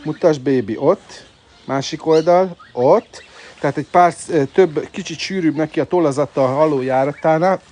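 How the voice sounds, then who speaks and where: A man's voice: fairly high pitch, darkish tone. A man hosting a casual live stream outdoors at a bird park, coaxing his pet bird and chatting to viewers. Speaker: livestreamer. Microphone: phone live stream. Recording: outdoor noise with bird calls. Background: birds and fowl calling.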